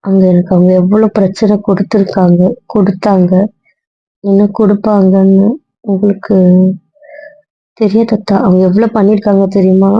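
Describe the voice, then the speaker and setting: A woman's voice: mid-range voice, level tone, moderate pace, pauses often, dry recording, natural voice. A young woman playing an anxious, guilt-ridden young wife who pleads and apologizes over and over, in a Tamil audio drama role-play. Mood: fearful. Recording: dull lo-fi recording, dry.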